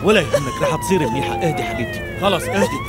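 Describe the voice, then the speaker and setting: An actor dubbing, in a Levantine Arabic accent, a frantic man taking charge at a fire scene, shouting orders and soothing in between. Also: very high-pitched, huge pitch swings, racing, very noisy, full character voice. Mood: urgent.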